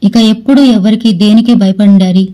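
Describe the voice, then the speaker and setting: A woman's voice: medium pitch, steady tone, normal speed, warm tone, natural voice, rough recording. A woman voicing a proud tearful young woman. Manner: defiant, then sobbing.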